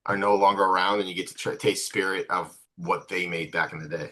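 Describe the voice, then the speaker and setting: A man hosting a tasting, asking curious questions with halting restarts. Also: low-pitched, steady tone, pushed and bright, low-quality recording. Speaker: tasting host. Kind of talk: casual tasting talk.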